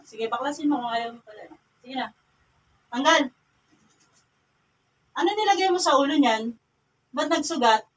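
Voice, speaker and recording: A woman faith healer with a Cagayan Valley accent, sternly questioning and scolding in a repetitive way. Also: sits high. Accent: Filipino, Cagayan Valley. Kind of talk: healing ritual interrogation. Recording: distant mic with faint ambient noise.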